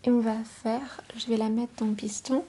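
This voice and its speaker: A woman speaking softly in an ASMR style, drifting into whispers, her voice hoarse and husky from a cold, with a gentle, unhurried manner. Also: fairly high pitch, flat delivery, a little hiss or hum. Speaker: ASMR video host.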